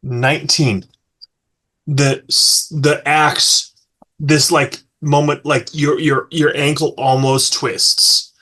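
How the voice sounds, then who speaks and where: A man running a tabletop game as game master, narrating combat in quick bursts broken by fillers and restarts. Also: fairly high pitch, little pitch movement, sharp tone. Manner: fast, halting with many fillers and restarts.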